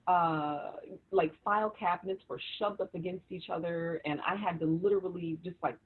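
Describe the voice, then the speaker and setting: Over tinny, phone-like video call audio, a woman co-hosting a livestream recounts her family research, with many restarts in the casual conversation. She's an author whose voice sits low and sounds husky.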